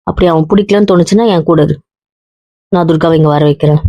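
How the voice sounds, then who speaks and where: A woman's voice: sits low, fast talker, warm tone, no echo. A young woman acting as a blunt married woman who lectures and comforts her heartbroken cousin, always asking if he understands. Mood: blunt teasing. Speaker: actor in a web drama. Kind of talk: web series drama acting. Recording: dull, muffled dry audio.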